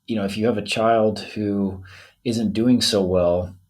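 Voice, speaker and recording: Husky-voiced male podcast host. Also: lowish voice, unhurried. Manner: relaxed, chatty, storytelling with quotes. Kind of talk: casual interview chat.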